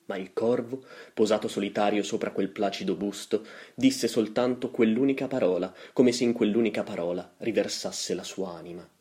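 A man giving a solemn, brooding dramatic reading of a poem, his voice trailing softly at the ends of lines. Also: lowish voice, moderate pace, few pauses. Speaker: reader.

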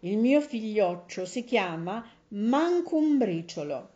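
A woman voicing a sly, boastful tomcat in a storybook reading, speaking in a smug, low, knowing way. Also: very animated, takes it slowly, warm tone. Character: sly boastful male tomcat, greedy trickster. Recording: slightly dull lo-fi recording.

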